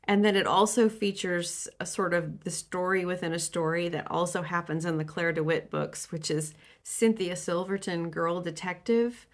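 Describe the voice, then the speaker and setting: Woman, lowish voice, casual book chat, chatty, halting with fillers. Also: fairly even intonation. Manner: chatty, many fillers and restarts, laughs often. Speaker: book vlogger.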